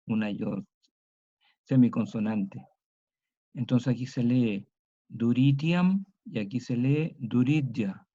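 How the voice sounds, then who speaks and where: A man with a Chilean accent gives a slow, patient lecture, repeating each key word aloud. His voice is mellow and dark, recorded dry and a little dull. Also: medium pitch, no echo. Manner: slow, explanatory, repeats words for emphasis. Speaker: teacher.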